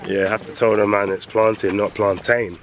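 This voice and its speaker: A man talks in a loose, slangy vlog style, cracking jokes as he goes. His voice sits on the low side. The outdoor recording carries clear background noise. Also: level tone, quick pace. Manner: laid-back, joking, slangy. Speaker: travel vlogger. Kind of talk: casual vlog chat. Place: outdoors on a farm.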